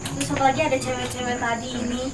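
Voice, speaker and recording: A woman chatting on a night ghost-hunting vlog, speaking in hesitant, halting phrases. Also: sits high, little pitch movement. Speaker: spirit-sensing guest on a ghost hunt. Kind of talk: casual night vlog chat. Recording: echoey, distant, noisy night recording. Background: crickets, insects, animal sounds.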